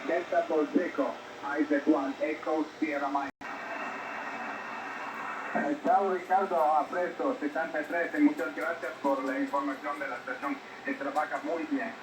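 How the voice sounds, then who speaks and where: A man from northwestern Italy with an Italian accent, a ham radio operator talking haltingly with fillers, heard over a shortwave signal that keeps breaking up. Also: fairly high pitch, fairly even intonation. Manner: halting, with many fillers and polite thanks. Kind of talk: ham radio contact exchange. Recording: noisy echoey shortwave radio reception.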